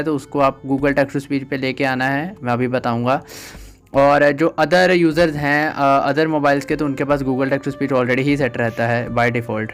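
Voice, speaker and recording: A man giving a patient, step-by-step tutorial on phone settings, pausing with "ah" as he explains each option. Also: fairly high pitch. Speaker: tech tutor.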